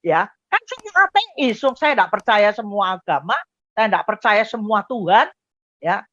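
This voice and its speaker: A woman's voice: mid-range voice, sing-song, a little slow, fairly bright tone, no room sound. A woman, giving an emotive testimony to a congregation and addressing listeners directly. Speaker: testimony speaker. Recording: dull dry lo-fi recording.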